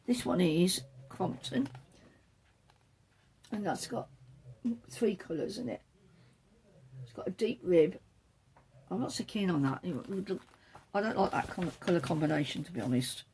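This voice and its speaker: Gravelly-voiced chatty woman knitting host. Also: on the low side, lively intonation, measured pace, long pauses, a little mellow. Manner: chatty and rambling, trailing off and correcting herself. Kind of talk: casual chat showing knitting patterns from a book.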